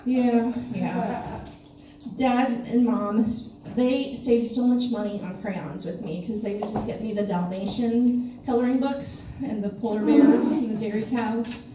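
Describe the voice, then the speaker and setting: A woman's voice: on the high side, fairly even intonation, unhurried. A woman performing a stand-up comedy set, chatty and self-deprecating, often asking the crowd questions. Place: comedy club stage. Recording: echoey club from far off with crowd. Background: audience laughter.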